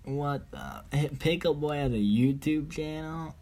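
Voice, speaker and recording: A man's voice: fairly high pitch, unhurried, vocal fry, mellow. A man vlogging in a rambling, boastful, profane monologue with broken grammar. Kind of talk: rambling casual monologue to camera.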